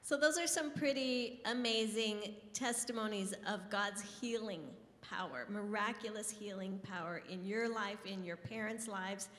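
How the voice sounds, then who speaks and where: A woman's voice: mid-range voice, a little slow, hardly any pauses, fairly bright tone. A woman hosting a women's gathering, preaching with fervent, affirming repetition. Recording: echoey hall, long reverb.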